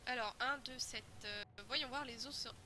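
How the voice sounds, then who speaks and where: A woman's voice: fairly high pitch, a little slow, bright, forceful tone, soft background music. A woman giving casual, playful commentary over her own gameplay, teasing and chatting to the players on screen. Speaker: gaming video host. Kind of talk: casual let's-play commentary.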